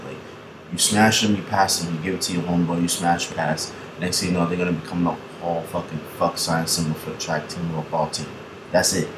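A man's voice: deep voice, roomy sound, noisy background. A young man hosting a casual reaction video. He rambles, swears freely and laughs often.

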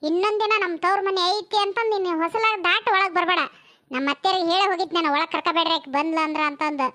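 A woman playing a blunt, sharp-tongued village housewife, talking in a rustic North Karnataka Kannada accent. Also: very high-pitched, steady tone. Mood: harsh. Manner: blunt, rapid rustic talk. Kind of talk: comic village family drama.

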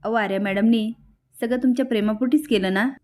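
A woman's voice: on the high side, steady tone, brisk, a little mellow, lightly acted. Woman narrator as a jittery junior cop, apologetic, in a storytelling recap. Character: nervous junior police constable, a man.

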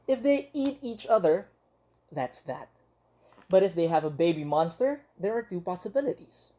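A woman teacher reading a picture book aloud to young children, expressive and full of dramatic pauses. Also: on the low side.

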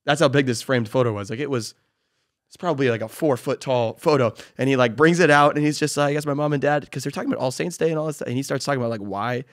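Fast-talking young man telling stories. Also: mid-range voice, no echo, clean studio sound. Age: young adult. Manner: animated storyteller, slangy, quick with many fillers. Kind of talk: casual conversation. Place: dark podcast studio. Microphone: studio boom mic with headphones.

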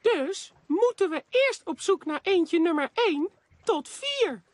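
A performer voicing a cheerful male cartoon mouse who encourages young viewers in a bright, sing-song way. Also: very high-pitched, animated, takes it slowly, dry recording, full character voice. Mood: encouraging. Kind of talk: cartoon dub voice acting. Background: music.

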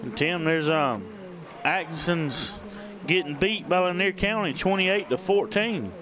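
A man's voice: a little high, measured pace, a crowd in the background. A man as a football color commentator, chatting casually in a folksy, small-town way at an outdoor game. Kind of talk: casual chat during football broadcast. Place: outdoors at a high school football field. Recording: noisy outdoor stadium ambience.

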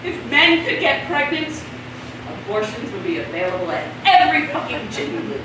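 Onstage before a seated audience, an actress delivers a one-act play monologue as an indignant woman in crisis over lost rights, projecting with emphatic passion and a note of indignant disbelief. Her voice is high-pitched and sing-song at a moderate pace. A far-off camera records it, leaving the hall sounding echoey and noisy.

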